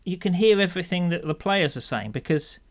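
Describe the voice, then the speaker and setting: A man's voice: high voice, animated, fairly quick. A man with a British accent chatting casually as a podcast co-host, often restarting his phrases, with dry humour. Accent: British English. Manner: hesitant, self-correcting, dry humour.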